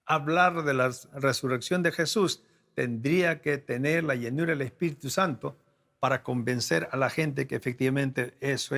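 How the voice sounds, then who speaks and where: Gravelly-voiced male pastor preaching. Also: fairly high pitch, fairly bright tone. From South America. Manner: teaching, repeats key phrases, asks rhetorical questions. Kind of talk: sermon. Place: church or conference hall.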